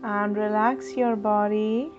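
A woman leading a guided chakra meditation in a slow, soothing, instructive way. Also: mid-range voice, steady tone. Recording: dull lo-fi recording with soft music.

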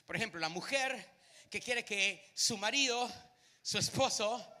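A preacher man with a high, bright voice delivers an animated sermon. He keeps turning to the congregation with questions. The sound carries the long reverb of a large hall. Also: unhurried. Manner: animated, asks the crowd questions.

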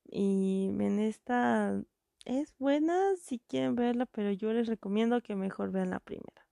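Mexican woman venting on her show, gravelly voice, drawn out and slow, lots of um's. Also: on the high side, dry recording, studio quality. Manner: animated, indignant, heavy use of fillers. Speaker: podcast host reviewing a film. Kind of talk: casual monologue.

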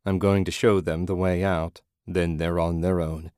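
This blind guide, calm and grim as he takes strangers through the tunnels, is lightly acted by a male narrator at normal speed. The deep, matter-of-fact voice is recorded dry and close, with no room sound.

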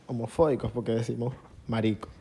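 A man from Venezuela with a Venezuelan Spanish accent, teasing in relaxed casual chat. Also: mid-range voice, fast talker, slightly rough.

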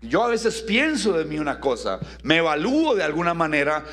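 Animated preacher man. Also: fairly high pitch, brisk. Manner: animated, teasing, questions the audience by name. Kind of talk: sermon to a young congregation.

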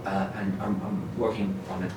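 Brief: timid sorcerer, done by a game master, soft and halting, echoey far-off mic, music behind. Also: male voice, low voice, level tone, voice pushed down, natural voice. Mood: shy. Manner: quiet, stammering, hesitant. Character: timid young male sorcerer, shy, evasive.

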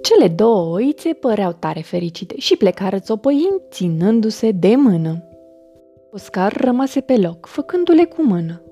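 Brief: soothing bedtime storyteller, woman, mellow dark tone, soft music under. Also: mid-range voice, very animated. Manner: gentle, soothing. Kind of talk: bedtime story reading for children.

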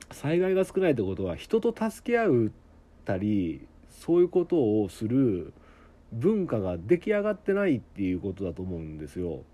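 A man's voice: fairly low pitch, mellow. A middle-aged man from Okayama hosting a solo talk show, chatting casually, laughing often and asking his listeners questions. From Okayama, Japan. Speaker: podcast host.

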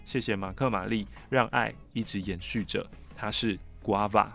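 A man's voice: on the low side, fairly even intonation, normal speed, gravelly, a bit bright, soft background music. A man co-host with a Taiwanese Mandarin accent, chatting casually and dropping dry, teasing asides. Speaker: podcast co-host. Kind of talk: casual chat.

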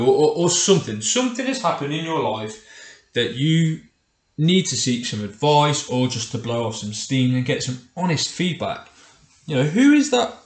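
A middle-aged man hosting a casual solo podcast, talking conversationally and putting questions straight to the listener, recorded in a home kitchen. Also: mid-range voice. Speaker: podcast host. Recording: echoey, roomy kitchen sound.

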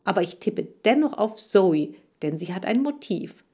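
A woman voicing a feisty, boastful male hamster detective in an audiobook, ranting loudly and eagerly. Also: medium pitch, normal speed, breathy edge. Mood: eager reasoning. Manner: ranting, animated and loud. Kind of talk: audiobook character voice.

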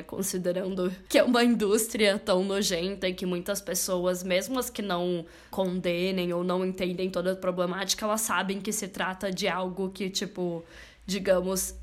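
A young woman co-hosting a podcast, speaking emphatically and often adding tag questions. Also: fairly low pitch. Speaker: podcast co-host. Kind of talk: casual podcast discussion.

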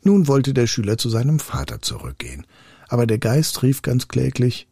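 Gravelly man reading a fairy tale. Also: dry recording, clean studio sound. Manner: slow, highly animated storytelling. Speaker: storyteller.

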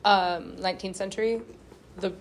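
A woman's voice: mid-range voice, fairly even intonation, normal speed, vocal fry, slight background noise. A woman leading a casual discussion, asking follow-up questions. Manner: inquisitive, asks follow-up questions.

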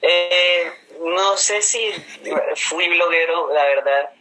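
Bright-voiced man, mild coastal Colombian accent. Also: high voice, slow, soft background music, poor audio. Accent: neutral coastal Colombian with a touch of inland. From Colombia, Caribbean coast. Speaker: interview guest. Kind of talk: casual conversational storytelling.

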